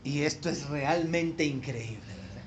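Male pastor, high voice, sermon delivery; wide dynamic swings, asks the room questions. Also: unhurried, slight background noise. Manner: swings between hushed low asides and loud emphatic peaks; addresses listeners directly with rhetorical questions.

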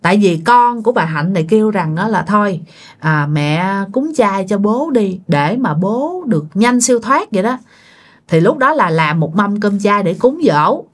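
A woman's voice: medium pitch, lively intonation, normal speed. Chatty woman storyteller. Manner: chatty, addresses listeners with fillers. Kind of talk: casual ghost story narration.

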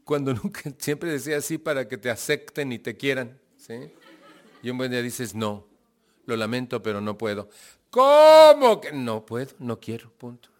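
A man's voice: mid-range voice, steady tone, moderate pace. A man with a Mexican accent giving a testimonial talk to a group, telling his story with acted-out dialogue and questions to the audience. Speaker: speaker sharing his recovery story.

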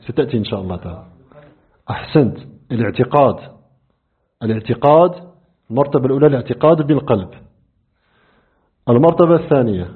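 A man's voice: on the high side, slightly rough. A man teaching a classroom lesson on religious creed, who often quizzes his students by name and repeats key points for emphasis. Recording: thin phone-like lo-fi recording.

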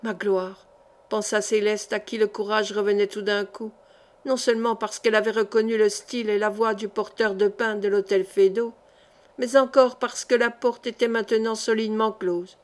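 A woman narrating a historical novel as an audiobook, in a measured, expressive reading. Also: mid-range voice.

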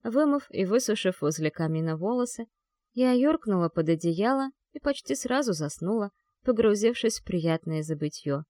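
Woman narrating an expressive fantasy audiobook. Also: normal speed, no echo. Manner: acts out characters' lines with lively shifts in pitch.

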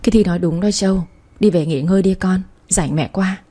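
A woman's voice: fairly low pitch, brisk, dark tone, lightly acted. A woman doing an exasperated scolding mother. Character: flustered middle-aged mother, scolding and doting.

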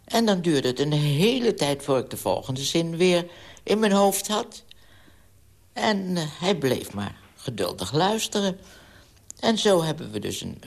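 An older woman with a Dutch accent, a children's author, reading her own book aloud and chatting in an archival radio interview. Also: low-pitched. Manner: storytelling, lively voices for characters in quotes.

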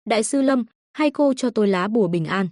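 Cowardly fawning middle-aged man, panicky and pleading, rising to a high voice, as a woman puts him on. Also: lively intonation, a little fast, darkish tone, dry recording, studio quality, close to an everyday voice.

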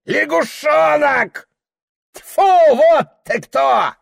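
A man voicing a brutal, coarse middle-aged merchant father who shouts and jeers hoarsely. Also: extremely high pitch, animated, extremely slow, pitched above the performer's own voice, exaggerated voice. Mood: screeching.

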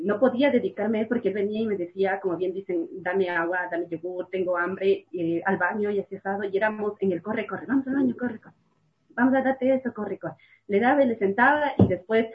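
A woman's voice: lowish voice, husky. A woman, a guest telling of life as a mother and student in casual talk, repeating words for emphasis and using many fillers. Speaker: guest sharing her experience as a mother and student. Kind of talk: casual personal testimony. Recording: tinny phone-like line.

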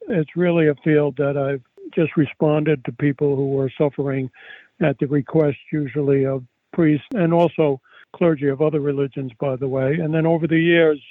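An older man speaks as an expert interview guest, telling anecdotes and circling back as he explains. His voice sits a little high for a man. The audio is dry and somewhat dull. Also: no room sound. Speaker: psychiatrist and author, interview guest. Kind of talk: conversational interview answers with anecdotes.

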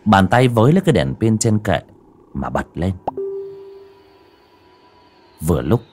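A man narrating a horror audio story in a slow, suspenseful storytelling manner. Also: lowish voice, sing-song, music in the background.

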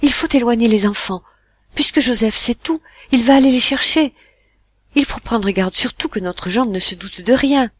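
A reader voicing a harsh, quick-tempered middle-aged mother who gives orders in a sharp, loud, urgent way, with a husky tone. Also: medium pitch, expressive, no room sound, natural voice.

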